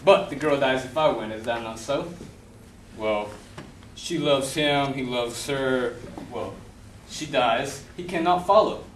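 A man's voice: mid-range voice, slow pace, close to an everyday voice. A young man playing Death in an amateur stage play, a cunning, sardonic and gloating figure. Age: young adult. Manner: gloating, sardonic, laughs often. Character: Death, a mocking, theatrical, cunning male personification. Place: indoor theatre stage. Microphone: distant camera. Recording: echoey stage, distant camera mic, noisy.

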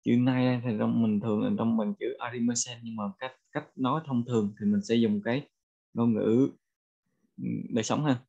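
A man with a Vietnamese accent teaching a bilingual vocabulary lesson, repeating each phrase slowly for learners. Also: medium pitch, steady tone, gravelly, dark tone, dull audio. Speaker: language teacher.

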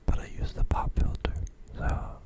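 Young man in a soothing ASMR whisper. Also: normal speed. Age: 20s. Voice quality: breathy unvoiced whisper. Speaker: ASMR video creator. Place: small dim bedroom, indoors. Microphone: microphone inches from the mouth.

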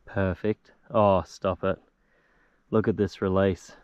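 A man, a fishing vlogger commenting excitedly from a paddle board at sea, talking to the fish. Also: low voice, slow pace, clear, resonant tone, highs cut off. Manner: exclamatory, talks to the fish.

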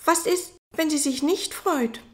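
With a high, slightly mellow voice at a measured pace, a woman pitches above her natural register to play a puppet. The character is a lovesick young boy poet who asks anxious, pleading questions.

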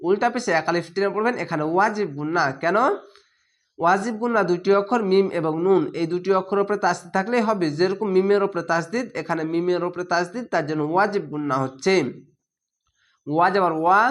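Man, high voice, teaching Quran reading letter by letter, slow chanted syllables. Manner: slow, drawn-out chanted syllables between plain explanations. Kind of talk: spelling-out recitation lesson.

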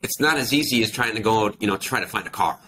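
An American man with a low but bright voice talks fast over a noisy video call, casually explaining things in an interview as an industry expert guest who works as an account manager. He sits in a small, plain indoor office, and his computer microphone captures plainly audible background noise.

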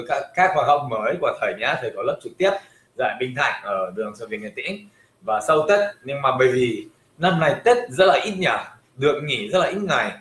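A man teaching a livestream lesson in a roomy space with an audible echo. His pitch sits in a middle range. He hesitates with many fillers as he moves between Vietnamese and English. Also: fairly bright tone. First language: French. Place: livestream room.

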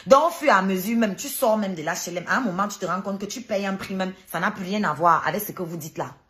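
Her voice is mid-range and a bit bright, moving at a quick pace, as this woman streamer rants heatedly on a livestream. Combative and sarcastic, she repeats her points again and again for emphasis.

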